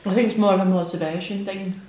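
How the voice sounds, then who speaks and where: A young woman chats casually, speaking softly and letting her sentences trail off. Her voice sits at a mid pitch. It is picked up by a camera on a table in a bright, echoey kitchen. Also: steady tone, quick pace. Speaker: vlogger. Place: bright open kitchen, indoors. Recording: echoey room.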